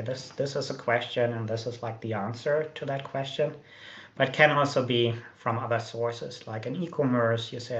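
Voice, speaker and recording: A man's voice: medium pitch, a bit bright. A man on a headset video call, explaining machine learning at a panel, with many "like" fillers. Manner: explanatory, many "like" fillers, quotes example phrases. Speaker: panelist from an AI company. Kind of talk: technical panel discussion over video call. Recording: dull roomy video-call audio.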